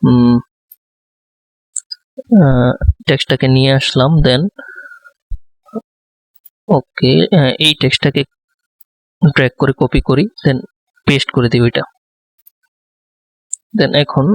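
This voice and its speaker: A man giving a design tutorial, speaking softly close to the microphone and thinking aloud with many fillers. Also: medium pitch, level tone, slow, pauses often, no room sound. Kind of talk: live screen-recorded tutorial.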